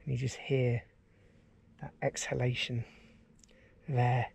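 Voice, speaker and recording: This forty-something English vlogger speaks slowly in a husky, mid-range voice with vocal fry while kayaking on a river. Relaxed and enthusiastic, he narrates casually to the kayak-mounted action camera, using plenty of fillers.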